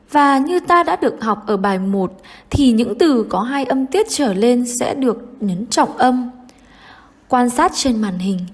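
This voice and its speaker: High-voiced Vietnamese woman teaching English. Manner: clear, measured teacher delivery. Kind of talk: online lesson narration.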